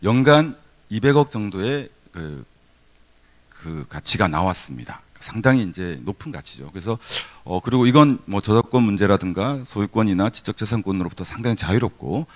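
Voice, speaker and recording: In a conference hall, a middle-aged man from Korea's Gyeongsang region gives a keynote lecture at a seminar. His voice is lowish and animated, at a normal speed, and his delivery is conversational, full of fillers and restarts.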